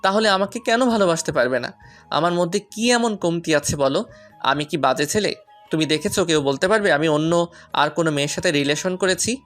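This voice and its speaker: A man's voice: on the high side, a little fast, a bit bright, soft background music, close to an everyday voice. A man voicing a rich young man, heartbroken and pleading with the woman he loves, in an audio love story. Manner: pleading, anguished.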